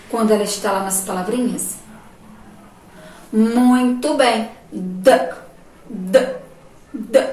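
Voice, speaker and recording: A woman teacher with a Brazilian Portuguese accent giving a remote lesson to young children, spelling words out slowly, syllable by syllable. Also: on the high side, a little hiss or hum. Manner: slow, syllable-by-syllable teacher talk with diminutives. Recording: echoey distant room mic, faint ambience.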